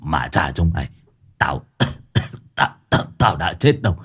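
A man voicing a gruff male addict who grumbles low and stammers. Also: sing-song, slow pace, fairly bright tone, heavily acted. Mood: annoyed.

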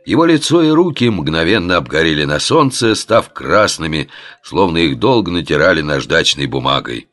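Deep-voiced, lively male storyteller. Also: moderate pace, dry recording, faint music behind. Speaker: audiobook narrator. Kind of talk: scripted narration.

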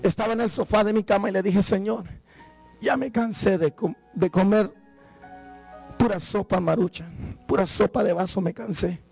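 A man's voice: fairly even intonation, normal speed, gravelly, darkish tone, slightly rough, soft background music, rough recording. A man from Guatemala, preaching an evangelical sermon as a guest preacher and rising into fervent preaching. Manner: rises to fervent, high-pitched preaching.

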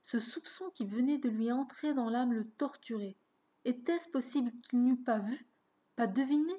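A woman narrating a classic short story in a measured, expressive reading. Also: a little high.

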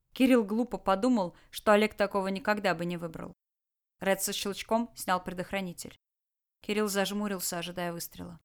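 A woman narrating an action audiobook with a lively, dramatic delivery. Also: medium pitch, smooth. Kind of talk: expressive scripted narration.

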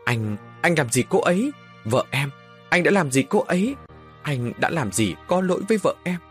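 A man's voice: a little high, very animated, normal speed, soft background music, voice pushed up. A man playing an angry, demanding younger brother. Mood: furious. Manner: demanding, urgent.

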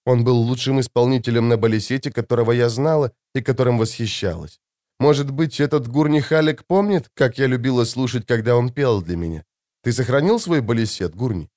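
A man reading the part of a gentle, remorseful noble mother who speaks softly and soothingly. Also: medium pitch, a little fast, dry recording, clean studio sound, natural voice. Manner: soft and soothing.

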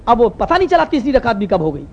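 A man from Uttar Pradesh, India, preaching a sermon through lively anecdotal storytelling. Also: very high-pitched. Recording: muffled lo-fi recording with faint hiss.

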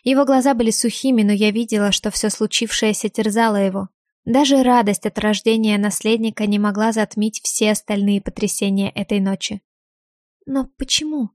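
A woman reading first-person audiobook narration at a measured, even pace. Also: medium pitch, no room sound, studio quality.

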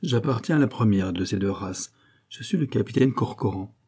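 A bold, good-humoured old-world sea captain speaks with swagger and teasing cheer, as a male audiobook reader puts him on. His voice is mellow and slightly husky. He sounds like a storybook figure from an adventure tale. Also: lowish voice, animated, moderate pace. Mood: proud.

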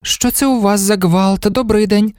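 Meek young woman typist, mild and quiet; a man acts her out in a storybook reading. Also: sits high, normal speed, smooth, dry recording, studio quality, voice pushed up, close to an everyday voice. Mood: mild, puzzled.

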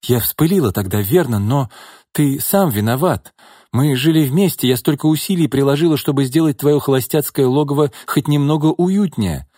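A man voicing a desperate, pleading jilted young woman with shrill emotional outbursts in an audiobook. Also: normal speed, dark tone, dry recording, studio quality, lightly acted.

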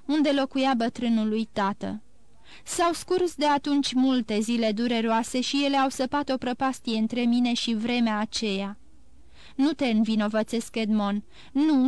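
A woman's voice: on the high side, darkish tone, clean tone, no echo, close to an everyday voice. A woman voicing a grieving, guilt-ridden woman near forty who pleads sorrowfully and blames herself, read from an audiobook. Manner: sorrowful, self-reproaching pleading. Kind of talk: audiobook character reading.

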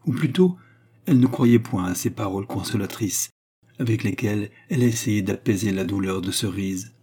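A man reading a classic novel aloud as an audiobook narrator, in a measured, steady manner. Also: fairly low pitch, breathy edge.

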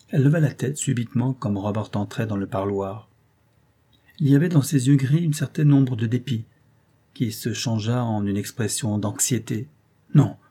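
A man narrating a classic novel in a steady, even reading style. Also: mid-range voice, husky. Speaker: audiobook narrator. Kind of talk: scripted narration.

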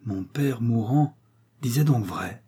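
A man reading an old novel aloud, voicing a brooding, jealous nobleman swinging between hushed calm and rage. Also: medium pitch, moderate pace, slightly rough. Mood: tense. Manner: tense, alternately hushed and enraged.

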